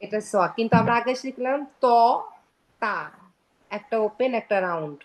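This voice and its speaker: Woman, student on a video call, short answers, fairly high voice. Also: lively intonation, moderate pace, poor audio. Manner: answers briefly, repeats sounds back. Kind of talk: online class.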